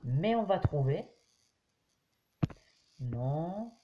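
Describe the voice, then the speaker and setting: A man hosting a casual tutorial over a screen recording, chatty and hesitant, often pausing with fillers and talking straight to his viewers as friends. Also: fairly high pitch, sing-song, highs cut off, noisy background. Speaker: YouTube tutorial host.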